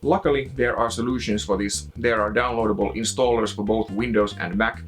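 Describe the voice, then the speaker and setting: A man's voice: lowish voice, fairly even intonation, a little fast, faint music behind. A man with a Finnish accent reading a scripted video essay narration as the host of a game review show.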